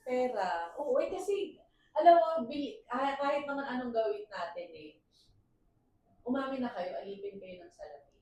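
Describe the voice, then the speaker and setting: A lively woman in her thirties chats on a podcast, her voice pitched a little high and full of laughter. She sits back from the mic, so the sound comes echoey from a roomy space with a faint hiss underneath. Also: moderate pace, far from the mic. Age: 30s. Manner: animated, laughing, switches between Tagalog and English. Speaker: podcast co-host. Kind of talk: casual chat. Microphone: failing microphone, speaking loudly.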